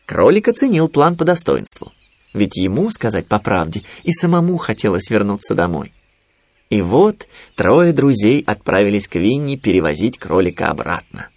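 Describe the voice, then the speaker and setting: A man narrating a children's story in an expressive storytelling manner. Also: on the low side, normal speed, no echo.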